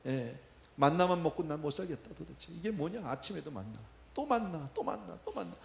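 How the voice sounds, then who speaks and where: A pastor putting on a whiny grumbling wanderer. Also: male voice, on the high side, big pitch swings, fairly quick, creaky, echoey room. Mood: whining. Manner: complaining, rising whine. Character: grumbling wilderness wanderer, adult man, whiny and fed up.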